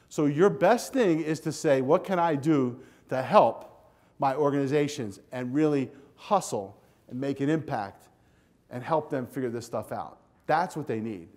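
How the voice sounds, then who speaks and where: An older man giving a keynote speech to students in a hotel ballroom, talking energetically and directly, on a lapel mic. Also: a little high. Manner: energetic, animated, walks the stage with a handheld clicker. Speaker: keynote speaker. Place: hotel ballroom with a seated audience.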